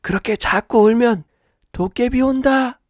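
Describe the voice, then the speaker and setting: A man voicing an old grandmother who soothes and scolds a crying baby in a high, shrill voice. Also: a little slow, no echo, studio quality. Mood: scolding.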